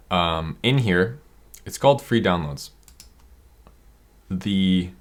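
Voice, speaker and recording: Guy with a deep low voice, hyped and rambling, walking you through his screen. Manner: energetic, rambling, self-interrupting. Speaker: online seller coach. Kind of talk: screen-share tutorial.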